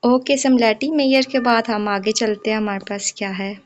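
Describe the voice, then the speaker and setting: A young woman, going slowly through exam revision as an online tutor and mixing English math terms into her speech. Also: on the high side, muffled recording, slight background noise.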